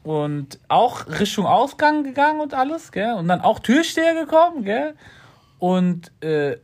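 A man in casual chat, telling an animated story full of street-slang fillers. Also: very high-pitched, unhurried.

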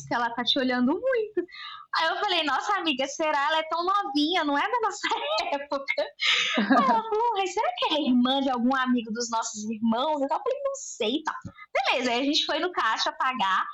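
A woman's voice: high voice, poor audio. A woman, a podcast guest chatting casually and acting out the people in her stories. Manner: animated storyteller acting out quoted dialogue. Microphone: remote recording at home.

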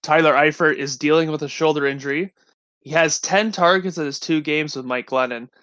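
A man co-hosting a fantasy football show, reading injury news in a steady, matter-of-fact way. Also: on the high side, fairly quick. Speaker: fantasy football podcast co-host. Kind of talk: casual sports news rundown.

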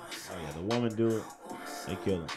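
Low-voiced man, laid-back co-host. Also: fairly quick, over loud music. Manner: relaxed, brief agreeing interjections. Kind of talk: casual chat.

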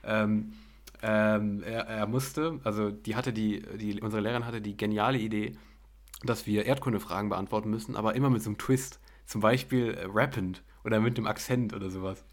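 Chatty young man, lowish voice. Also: steady tone, fairly quick. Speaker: podcast co-host. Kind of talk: casual chat.

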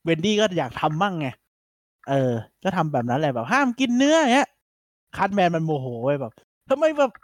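A man hosting a casual podcast chat, retelling things in an animated way with lots of fillers. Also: on the high side, brisk, dry recording, studio quality. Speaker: podcast host.

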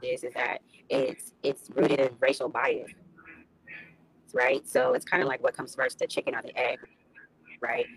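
A woman's voice: very deep voice, little pitch movement, moderate pace, long pauses, slight background noise, rough recording. A woman speaking as a panel guest over a remote call. Her audio cuts in and out, and she talks thoughtfully, restarting phrases and asking rhetorical questions. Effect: call audio cutting in and out. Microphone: remote call connection.

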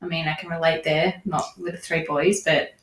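A woman's voice: low voice, fairly even intonation, normal speed, fairly bright tone. A woman co-hosting a podcast, talking in a casual book review style. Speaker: podcast co-host. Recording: echoey room.

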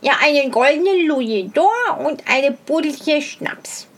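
A sly little hedgehog from a fairy-tale storybook, high-pitched and cocky, bossing others about in a bright, self-assured voice, as a woman reading the tale acts him out. His lines bounce with lively pitch. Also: slow, heavily acted. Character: crafty stubborn male hedgehog, sly and cocky.

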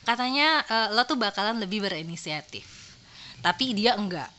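A woman's voice: mid-range voice, lively intonation, normal speed, noisy background. A woman co-hosting a podcast, chatting casually in slang and laughing often. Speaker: podcast co-host. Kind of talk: casual chat.

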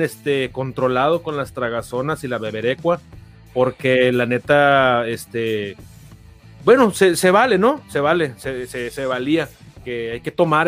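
A man with a Mexican accent co-hosting a podcast, chatting casually in rambling, heavy slang. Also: a little high. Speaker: podcast co-host. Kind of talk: casual chat.

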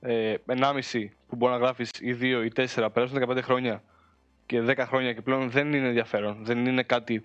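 A man co-hosting a podcast in casual chat, joking and chiming in with quick interjections. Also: mid-range voice, level tone, fairly bright tone, soft background music. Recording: dull lo-fi sound.

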